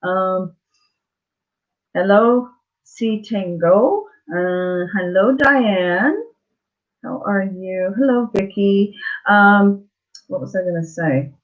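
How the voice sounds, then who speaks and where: A woman hosting a casual live chat, greeting viewers haltingly and apologetically, her mouth swollen and slightly thick-sounding after dental surgery. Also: medium pitch. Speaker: livestream host. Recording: dull lo-fi livestream audio.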